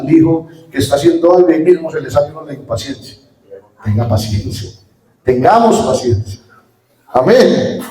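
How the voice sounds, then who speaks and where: A male pastor preaches in a fairly high voice, swinging between loud peaks and quiet asides as he quotes scripture. He sounds distant from the mic, and the room adds a strong echo. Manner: preaching with sudden rises and drops in loudness, quoting scripture. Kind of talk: Pentecostal sermon. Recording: echoey room from far off.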